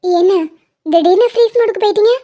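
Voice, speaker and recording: A woman voicing a playful, teasing pregnant young wife in an animated cartoon. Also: very high-pitched, fast, highs cut off. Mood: playful bossy. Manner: teasing, bossy, affectionate.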